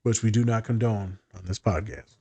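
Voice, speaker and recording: A man's voice: lowish voice, fairly even intonation, normal speed, a little mellow. A man co-hosting a podcast as a therapist, telling stories casually in candid, slangy, joking talk with plenty of swearing. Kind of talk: casual podcast chat, storytelling.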